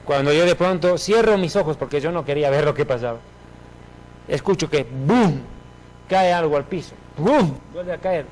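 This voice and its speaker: A man giving a personal religious testimony in an emphatic, animated storytelling manner. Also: fairly high pitch, fairly quick, low-quality recording.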